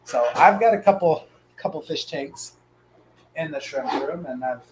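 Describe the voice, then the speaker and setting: A man hosting a casual live stream, his voice sick and hoarse with a smoker's rasp. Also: a little high, expressive, a little slow, a little mellow, echoey room, a little hiss or hum, rough recording.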